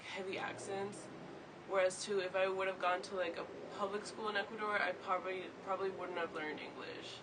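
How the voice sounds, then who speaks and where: A young adult from Venezuela answering casually, with easygoing, drawn-out filler words. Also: medium pitch, background noise. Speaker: interviewee. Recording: clear background ambience.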